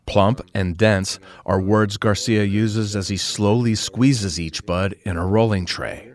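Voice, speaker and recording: A man's voice: on the low side, steady tone, takes it slowly. A man reading scripted feature narration as a reporter.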